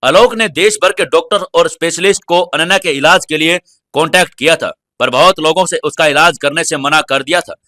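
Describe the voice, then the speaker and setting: A man narrating a serialized audio story in a steady storytelling manner. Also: a little high, a little fast, no echo, studio quality.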